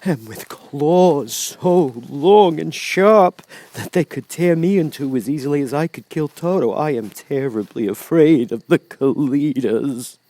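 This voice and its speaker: A man's voice: on the high side, mellow, no room sound, pitched above the performer's own voice. A man voicing a big cowardly lion in a storybook, anxious and stammering, with a quavering voice. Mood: dreading, fearful. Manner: stammering, drawn-out fearful exclamations.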